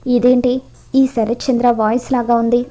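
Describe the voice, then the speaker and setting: A woman reading the lines of a defiant, angry young man in a flat way. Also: a little high, moderate pace, lightly acted.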